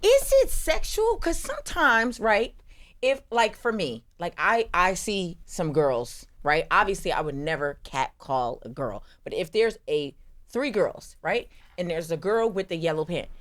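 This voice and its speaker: Woman co-host with a lively, swooping voice. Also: on the low side, a little slow. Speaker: podcast co-host. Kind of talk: casual podcast chat.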